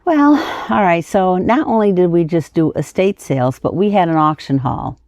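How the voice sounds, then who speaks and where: A woman's voice: lowish voice, expressive, normal speed, darkish tone, no room sound. A woman in her sixties, plain-spoken and folksy, chatting casually as an interview guest. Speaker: auctioneer being interviewed.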